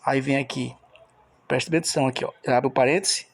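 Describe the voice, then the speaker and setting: A man's voice: mid-range voice, steady tone, fairly quick, vocal fry, no room sound. A man teaching a recorded grammar lesson, explaining step by step and checking in with the listener.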